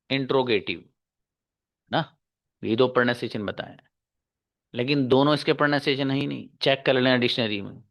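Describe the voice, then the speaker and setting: A male teacher giving an online English grammar class, patiently repeating key slowly and calling on pupils one by one. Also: medium pitch, fairly bright tone.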